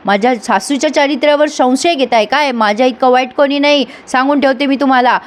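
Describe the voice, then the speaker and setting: A woman's voice: high-pitched, brisk, close to an everyday voice. A woman voicing a bold, loyal young daughter-in-law who defends her mother-in-law in a retold soap scene. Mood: defiant. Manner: defiant, pleading.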